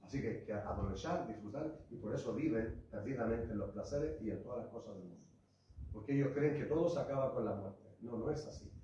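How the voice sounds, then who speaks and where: A man preaching a sermon as pastor, passionate, rising to loud cries and dropping to low asides, calling his listeners brother and church. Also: a little fast, a little hiss or hum. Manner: addresses the congregation as "hermano" and "iglesia". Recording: echoey hall, voice far from the mic, muffled.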